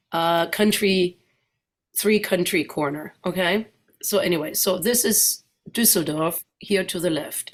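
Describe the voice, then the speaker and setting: This German-accented, middle-aged guest speaker has a voice on the low side. She guides a club audience through her slides conversationally and puts questions to them.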